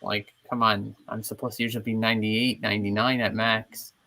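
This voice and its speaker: A man with a bright, forceful voice talks in a loose, rambling chat. He is short of breath and keeps pushing through his story with animated turns. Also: on the low side, brisk, creaky. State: short of breath while ill. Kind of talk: casual chat. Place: home, in bed.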